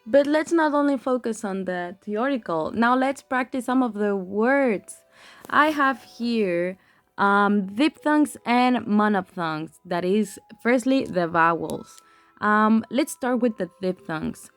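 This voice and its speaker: A woman's voice: medium pitch, expressive, slow pace, faint music behind. A woman gives a classroom presentation on phonology, explaining with frequent ums and restarts.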